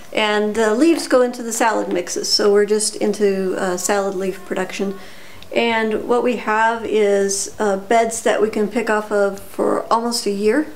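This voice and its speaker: A middle-aged woman farmer explaining things plainly as she leads a tour through her greenhouses. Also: on the high side. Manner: plain, practical explaining with fillers. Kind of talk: casual guided tour. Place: inside greenhouses on a farm. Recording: noisy outdoor-style background.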